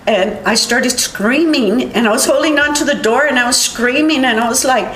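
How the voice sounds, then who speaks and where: An older woman giving courtroom testimony, retelling events in a halting, rambling way with many restarts. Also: sits high, fairly bright tone, roomy sound, rough recording. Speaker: witness.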